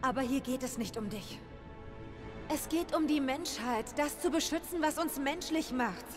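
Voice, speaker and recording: A woman voicing a determined young adventurer in a dubbed video game, resolute and forceful. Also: high voice, moderate pace, music in the background, natural voice.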